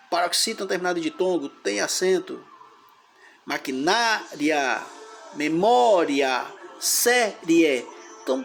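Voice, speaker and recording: A man teaches grammar in a patient, step-by-step way. He repeats each word and sounds it out syllable by syllable. Soft music plays faintly behind him. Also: high voice, vocal fry. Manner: explains step by step, repeating words and splitting syllables. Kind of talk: grammar lesson.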